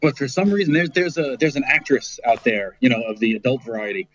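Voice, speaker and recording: New guy guesting over a call: husky, dull lo-fi sound, stumbles over his first words. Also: medium pitch, fairly quick. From New York. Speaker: podcast guest. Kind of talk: casual podcast banter. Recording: dull online call audio.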